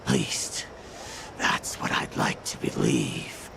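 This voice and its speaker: A man playing a menacing, thrill-hungry middle-aged yakuza villain in a video game, with a gravelly, taunting drawl. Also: takes it slowly, noisy background, close to an everyday voice. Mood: disappointed, taunting. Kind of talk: dramatic video game acting.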